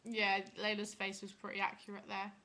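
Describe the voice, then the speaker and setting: A woman's voice: medium pitch, completely flat delivery, moderate pace, sharp tone. A young British woman chatting casually with a friend in a giggly, teasing way. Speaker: vlogger, opera singer.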